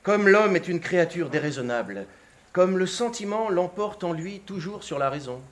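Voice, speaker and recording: A man's voice: sits high, moderate pace. Theatrical male reader of literary prose. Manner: expressive, theatrical, shifting from hushed to excited. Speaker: narrator. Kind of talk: dramatic reading of a literary text.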